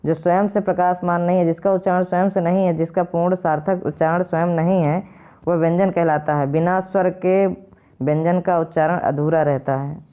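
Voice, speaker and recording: A man teaching a lesson, patiently repeating and slowly spelling out each sound. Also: high-pitched, steady tone, smooth. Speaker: Sanskrit teacher. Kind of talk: explanatory lesson to viewers. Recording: dull lo-fi recording.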